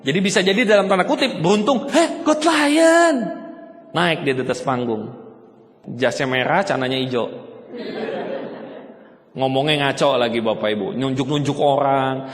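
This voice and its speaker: A man giving an animated motivational seminar talk. He keeps addressing the audience directly and mimics other people for laughs. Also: medium pitch, normal speed, pauses often. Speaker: motivational speaker for a network marketing business. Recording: hall with long reverb.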